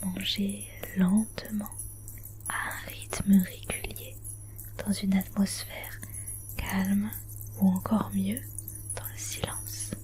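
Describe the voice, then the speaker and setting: A woman whispers softly and breathily in an ASMR style, giving measured, instructional wellness advice in short phrases. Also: medium pitch, level tone.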